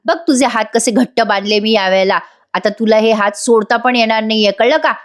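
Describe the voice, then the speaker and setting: A woman voicing a scheming male kidnapper who mocks his captive with drawn-out taunts. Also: fairly high pitch, fairly even intonation, lightly acted. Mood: taunting.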